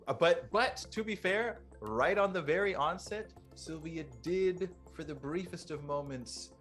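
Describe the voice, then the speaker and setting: A woman playing a tabletop game, talking casually with lots of halting restarts and some swearing. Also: lowish voice, lively intonation, soft background music. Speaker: player. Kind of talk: casual tabletop role-play.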